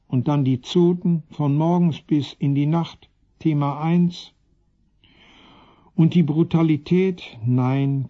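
Male pastor, slightly high, mellow voice, slow earnest sermon storytelling, lo-fi. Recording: dull lo-fi recording.

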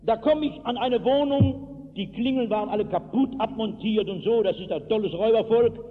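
A male pastor preaches with a high, ringing voice and forceful, storytelling emphasis. The recording is thin and tinny, carrying a long echo from a large hall. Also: moderate pace. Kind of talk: sermon. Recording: echoey hall, tinny lo-fi line.

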